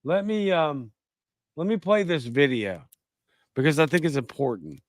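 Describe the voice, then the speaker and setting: A man's voice: fairly high pitch, big pitch swings, normal speed, no echo. A man hosting a political talk show, delivering emphatic, ranting commentary into a close mic. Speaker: podcast host.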